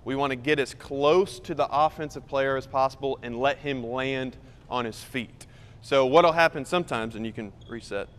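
A man's voice: mid-range voice, fairly bright tone, smooth. A young man coaching basketball on court, explaining step by step and directing players by name. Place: large indoor gym. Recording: reverberant gym.

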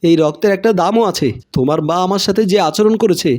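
A proud young wife who answers back, read by a man in his fairly high everyday voice. The reading stays plain, like a storybook. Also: fairly quick, a little mellow, natural voice. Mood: defiant. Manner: defiant retorts, read out plainly. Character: defiant young wife, proud and sharp-tongued.

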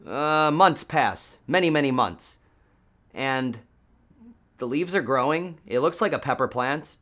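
A man's voice: medium pitch, fairly bright tone. A man, speaking in a conversational audition style with exaggerated, incredulous emphasis. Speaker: actor auditioning for a commercial. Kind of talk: audition monologue and improvised product pitch, conversational. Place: indoor studio with a green screen.

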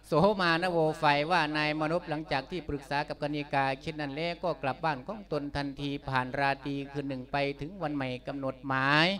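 A man, a monk preacher with an Isan accent, telling a dharma tale in lively dialogue with a partner. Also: on the high side, brisk, few pauses. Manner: animated storytelling, bantering with partner. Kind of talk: Isan sermon drama with dialogue.

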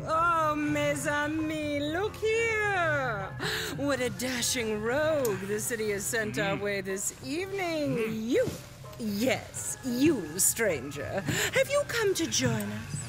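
Flamboyant showwoman, slow and swooping. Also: high voice, very animated, exaggerated voice. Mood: seductive, grand. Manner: theatrical, grandiloquent, lingering on words. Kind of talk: video game character acting. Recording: game music behind the voice.

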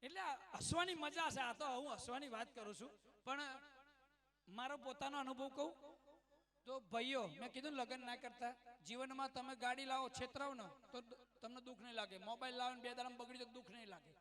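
High, bright-voiced Gujarati comedian. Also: male voice, a little fast. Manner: animated, acts out quoted voices. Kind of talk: stand-up storytelling.

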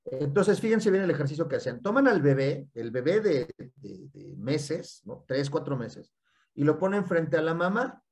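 An animated man with a Mexican accent talks through his ideas in a relaxed, explanatory way. His voice sits a little high for a man, and he keeps stringing points together. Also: normal speed. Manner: animated, repeats "y entonces". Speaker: guest speaker. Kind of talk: casual explanatory talk.

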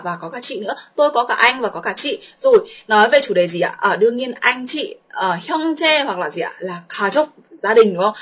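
A Vietnamese woman teaching a Korean exam walkthrough, coaxing her students with quick questions. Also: medium pitch, fairly bright tone, husky.

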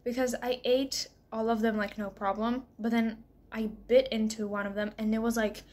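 A woman's voice: a little high, flat delivery, normal speed, darkish tone. A young woman vlogger talking casually to a camera at arm's length indoors, complaining with lots of filler words and exaggeration. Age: young adult. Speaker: travel vlogger. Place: indoor room, close to camera.

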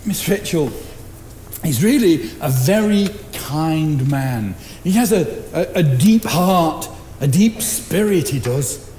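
An older man playing a kindly, halting, bumbling country fellow in a stage play. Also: fairly high pitch, animated, warm tone. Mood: flustered. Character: kindly, flustered, loyal old rustic man. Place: indoor theatre stage. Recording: echoey theatre stage, slight noise.

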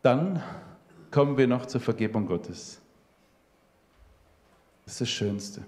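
A man preaching in a church, his voice at a middle pitch. He tells personal stories with feeling and often sinks to a near hush. A long reverb from the hall trails after his words. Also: animated, slow pace. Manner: emotional storytelling, drops to a soft hush. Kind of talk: sermon testimony.

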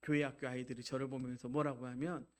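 A man preaching a Sunday sermon as pastor, exhorting the congregation and swinging from loud, rising preaching to quiet, conversational storytelling. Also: mid-range voice, flat delivery, quick pace. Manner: exhorting, repeatedly addresses the congregation.

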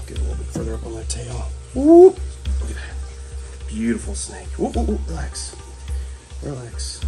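A man in his twenties with a medium-pitched voice hosts a hands-on animal vlog. He talks casually and with playful enthusiasm, often exclaiming as he works. He is in a large metal-walled room, a few feet from the camera, with music behind him. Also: a little mellow. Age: 20s. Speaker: host, snake keeper. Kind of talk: casual vlog commentary while handling animals.

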